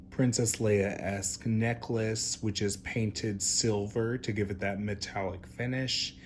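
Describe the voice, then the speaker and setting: A man's voice: on the low side, slight background noise. A man hosting an unscripted review in an effusive, gushing, campy drag-queen manner. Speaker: doll review host. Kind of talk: unscripted product review commentary.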